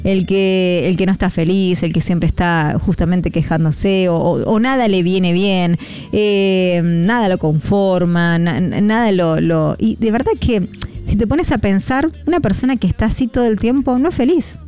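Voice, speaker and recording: Warm-voiced Argentine woman radio host. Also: medium pitch, moderate pace, clear, resonant tone. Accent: Argentine Spanish. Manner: rambling, hesitant, many fillers, encouraging. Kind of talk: devotional talk on air.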